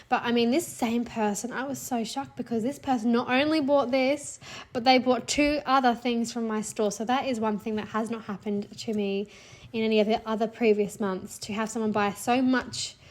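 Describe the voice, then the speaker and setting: A clipart seller in her thirties casually walks through her monthly income report on a screen share, chatting in a relaxed way with plenty of "like" and "so." Her slightly high voice is a bit nasal from a cold, and she stays upbeat with occasional light laughs.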